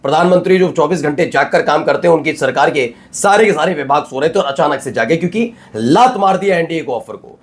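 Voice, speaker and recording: A man's voice: a little high, expressive, fairly quick, hardly any pauses. A man hosting a news channel, delivering a sarcastic, emphatic political commentary monologue.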